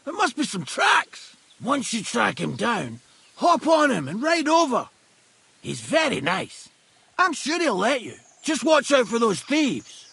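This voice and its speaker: A man's voice: extremely high pitch, wildly swooping pitch, unhurried, sharp tone, exaggerated voice. An actor playing an injured, blunt woodsman who is short of breath and barks orders in a video game. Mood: gruff. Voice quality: gravelly, raspy.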